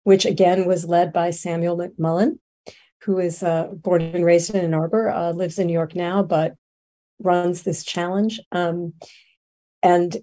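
A woman making informal remarks as a committee member, halting and often rephrasing as she goes. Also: fairly low pitch, mellow.

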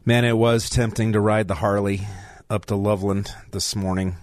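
A man's voice: on the low side, little pitch movement, normal speed, darkish tone, no room sound. An older man guest hosting a talk radio show, chatting in a rambling way with asides. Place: radio studio. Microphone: studio mic.

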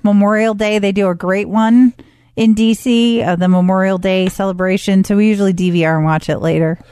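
A woman's voice: mid-range voice, fairly even intonation, fairly quick, mellow, clear, resonant tone, no echo. A woman co-hosting a radio show in casual conversation. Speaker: radio co-host. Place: dry radio studio.

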